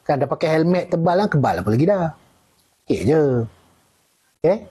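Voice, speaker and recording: A man's voice: on the high side, sing-song, brisk, dark tone, slightly rough. A middle-aged man with a Malaysian Malay accent, a retired army officer chatting casually on a live stream, answering viewer comments and joking.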